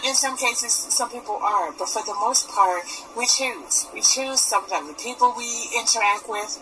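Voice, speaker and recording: Bright-voiced woman explaining earnestly. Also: mid-range voice, a little hiss or hum, poor audio. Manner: earnest, explanatory, quick-talking. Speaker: author and leadership coach. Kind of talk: radio interview guest. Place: radio studio. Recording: radio broadcast.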